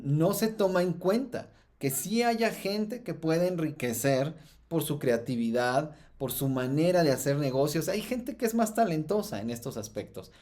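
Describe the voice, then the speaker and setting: Mexican guy on a faith podcast, kinda high voice, thinks out loud with lots of ums, pushes up on key points. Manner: thoughtful, many fillers and restarts, rises in emphasis. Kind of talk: reflective podcast teaching.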